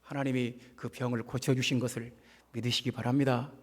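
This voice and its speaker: A man preaching a Sunday sermon as pastor, impassioned, swelling in pitch and volume as he drives points home. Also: flat delivery, brisk, big-room sound. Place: church sanctuary.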